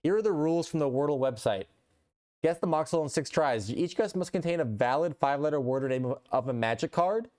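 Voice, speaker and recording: A man's voice: on the high side, animated, fairly quick, a little mellow. A man streaming live, chatting casually with his chat in a rambling way and reading posts aloud.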